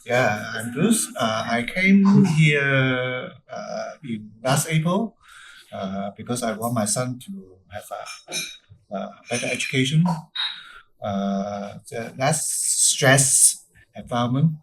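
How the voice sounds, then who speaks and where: Slow, halting middle-aged man. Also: medium pitch, animated, creaky, a bit bright, poor audio. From Hong Kong. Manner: slow, halting non-native English. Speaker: mentorship participant, newcomer. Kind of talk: casual interview answers.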